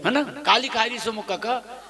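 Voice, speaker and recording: A man with a Chhattisgarhi accent expounds the Ramayana in a very high, piercing voice. His delivery is bright and forceful. He laughs as he goes, acts out the lines he quotes, and keeps drawing call-and-response chants from the crowd in a lively devotional discourse. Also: moderate pace, long reverb tail. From Chhattisgarh, India.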